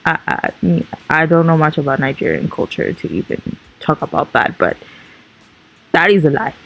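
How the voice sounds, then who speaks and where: A woman's voice: deep voice, big pitch swings, moderate pace, gravelly, faint music behind. A woman from Africa with an African accent, ranting emphatically and repeating her points in a clip. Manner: emphatic, repeats points, calls people liars. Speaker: social media commentator. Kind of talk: indignant rant. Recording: slightly dull, lo-fi audio.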